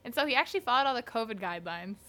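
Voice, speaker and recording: Young woman podcast cohost, bright forceful voice, chatty and animated, says like a lot. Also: fairly high pitch, rapid-fire. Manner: chatty, animated, frequent "like" fillers. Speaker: podcast co-host. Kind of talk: casual chat.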